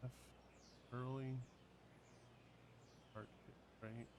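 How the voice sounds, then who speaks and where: A man's voice: mid-range voice, flat delivery, drawn-out words. A man streaming a game, muttering short casual remarks as he plays. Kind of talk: casual gameplay chat. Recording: very noisy, with clicks.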